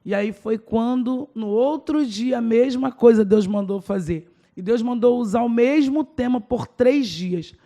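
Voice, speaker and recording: Brazilian woman pastor as podcast guest, gravelly voice, emotional storyteller. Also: on the high side, measured pace, few pauses, mellow. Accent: Brazilian Portuguese. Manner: emotional storytelling, acts out dialogue. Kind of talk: personal testimony in a podcast interview.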